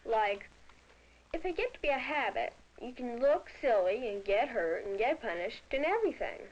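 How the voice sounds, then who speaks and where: A woman's voice: on the high side, big pitch swings, normal speed. A woman playing a curious, teasing child in scripted 1970s educational film dialogue. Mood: explaining. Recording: dull, faintly noisy vintage film soundtrack.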